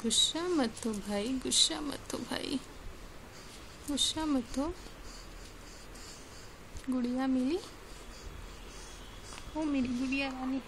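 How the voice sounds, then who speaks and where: High coaxing woman in baby talk. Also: slow pace, pauses often, a bit bright, slight background noise, low-quality recording. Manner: coaxing, sing-song, repeats phrases. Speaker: mother talking to her baby. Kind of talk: baby talk in a home video.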